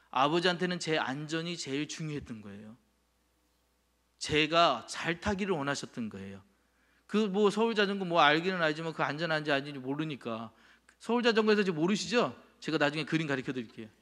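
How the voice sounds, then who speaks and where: A male pastor preaching a sermon in a church, talking with his congregation and putting questions to them. His voice sits somewhat high for a man. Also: animated, fairly quick, a bit bright. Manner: conversational, asks the congregation questions. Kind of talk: sermon with a childhood story. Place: church sanctuary.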